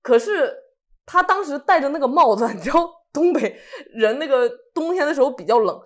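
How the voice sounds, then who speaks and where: A woman's voice: high-pitched, fairly quick. A woman co-host from Northeast China telling a personal story in casual chat, acting out what people said. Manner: animated, acts out what people said.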